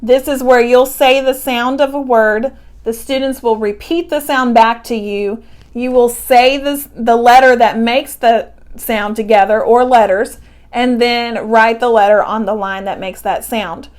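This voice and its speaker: A woman with a Texan accent explains a classroom phonics lesson step by step. Her voice sits a little high, and she talks in a friendly, patient, explanatory way with casual fillers. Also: fairly even intonation, a little slow. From Texas, US. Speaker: teacher and curriculum presenter. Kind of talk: instructional walkthrough.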